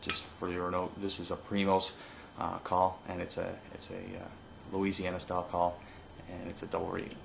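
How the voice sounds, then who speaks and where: Low, monotone man teaching. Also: creaky, noisy background. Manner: halting, unscripted explaining with pauses. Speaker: duck-calling instructor. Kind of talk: informal hands-on tutorial.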